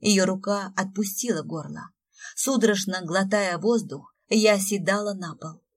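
A woman narrating a first-person audiobook with a dramatic, expressive reading. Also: medium pitch, normal speed.

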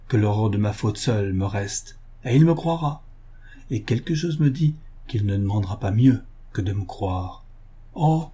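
A man voicing a noble young countess, grave and self-sacrificing, speaking in an earnest, measured, solemn way. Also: fairly high pitch, dark tone, husky, voice pushed up.

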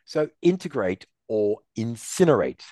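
A man's voice: mid-range voice, very animated, unhurried, warm tone, no room sound, voice pushed up. A man voicing a sardonic, fiery young woman who makes dry threats.

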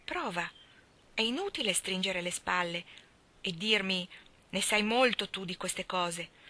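A woman's voice: mid-range voice, animated, a little slow, sharp tone. A woman reading aloud, voicing an earnest young woman who lectures in a sure tone. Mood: lecturing. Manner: sure, preaching tone.

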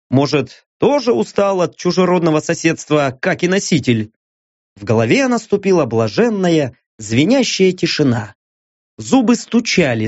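A male audiobook narrator reads in an expressive, measured way. His pitch rises and falls freely through the story. The recording sounds dull and lo-fi, with a dry, close sound. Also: no echo. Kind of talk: scripted narration.

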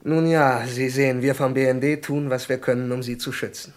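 An actor playing a courteous, confident intelligence security expert in a German radio crime drama, explaining things formally and matter-of-factly. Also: male voice, medium pitch, little pitch movement, a little fast, lightly acted. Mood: calm warning.

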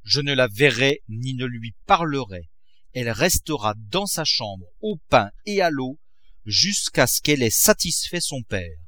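A man voicing a furious, miserly old father who shouts and mocks. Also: medium pitch, expressive, measured pace, no echo, studio quality. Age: older. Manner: shouting, explosive, mocking.

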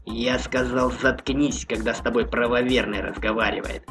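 A man voicing a cruel, fanatical male enforcer who threatens in a low, hoarse growl. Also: flat delivery, moderate pace, over music, close to an everyday voice. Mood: menacing. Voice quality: hoarse, rasping.

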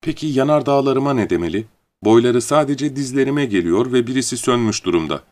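A man voicing a gentle, curious little boy prince who speaks politely and wistfully. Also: mid-range voice, expressive, fairly quick, pitched above the performer's own voice, close to an everyday voice. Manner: polite, wondering, softly pleading.

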